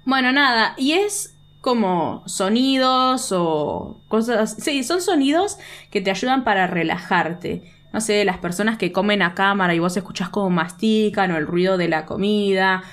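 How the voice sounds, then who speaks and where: A young woman with a Rioplatense Spanish accent co-hosts a casual podcast chat. Her pitch swings widely and she talks in an animated way, laughing often. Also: measured pace. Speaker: podcast co-host.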